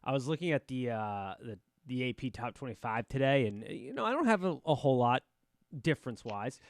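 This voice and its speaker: A man's voice: medium pitch, sing-song, brisk, no echo. A man hosting a casual sports betting podcast, talking loosely with lots of fillers and restarts. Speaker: podcast host.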